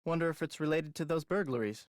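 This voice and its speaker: A man's voice: on the high side, fast talker, dry recording, clean studio sound, close to an everyday voice. A man voicing a chatty, offhand small-town character in a mystery game, passing along gossip in a matter-of-fact way. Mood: gossipy. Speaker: game townsperson. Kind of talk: game voice acting.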